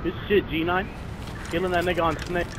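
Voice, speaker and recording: A man's voice: high-pitched, flat delivery, a little fast. A young American man chatting with his gaming team in hyped, sweary frat-bro slang. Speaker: online tournament player. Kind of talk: casual gaming team chat. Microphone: gaming headset over online voice chat. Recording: noisy game voice-chat headset.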